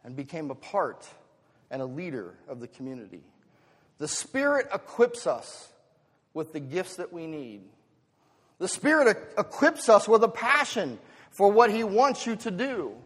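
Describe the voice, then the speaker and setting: A fairly high-pitched, slightly bright and husky American man preaches with a sing-song lilt at a measured pace. Like a pastor, he puts rhetorical questions to the congregation and moves between chatty asides and emphatic swells. A large hall lends long reverb.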